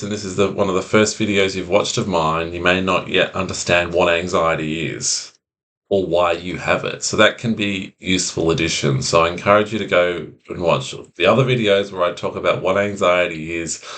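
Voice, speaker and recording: Deep-voiced man coaching calm slowly. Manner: slow, soothing, repetitive phrasing. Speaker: anxiety recovery coach. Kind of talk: calm instructional monologue.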